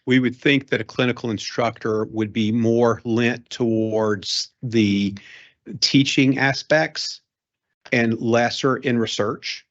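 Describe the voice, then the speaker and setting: A man's voice: mid-range voice, fairly even intonation, takes it slowly, a bit bright. A man presenting a proposal and answering questions at a meeting in an auditorium, accommodating and a little hesitant. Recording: dull lo-fi meeting recording.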